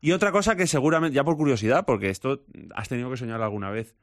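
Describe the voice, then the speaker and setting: A man co-hosting a radio show, trading jokes and quick asides. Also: mid-range voice, no echo, studio quality. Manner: joking banter, quick asides. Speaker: radio co-host. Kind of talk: casual chat.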